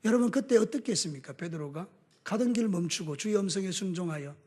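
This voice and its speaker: A pastor with a Gyeongsang Korean accent preaches in a church in a high voice and at a quick pace. He is animated, blending homely stories with call-and-response.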